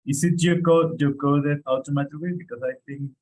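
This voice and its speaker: A man's voice: fairly high pitch, steady tone, fairly quick, a little mellow, low-quality recording. A man, a course participant, asking hesitant questions with many restarts on an online call. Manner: hesitant, repeats words, many fillers. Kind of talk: online office hours question. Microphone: video call.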